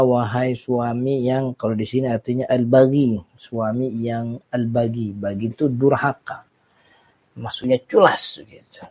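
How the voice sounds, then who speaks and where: Male teacher, relaxed and joking, mellow dark voice, dull lo-fi recording. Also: medium pitch, breathy edge. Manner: relaxed, joking, reads Arabic then explains. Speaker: Islamic teacher. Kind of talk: casual kitab study lesson.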